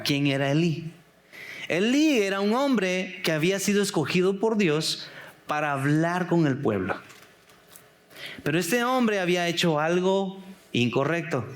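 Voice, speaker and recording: A man preaching a conversational sermon, calling the listeners brothers and sisters, asking them many questions and dropping in English slang. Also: fairly high pitch. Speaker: pastor.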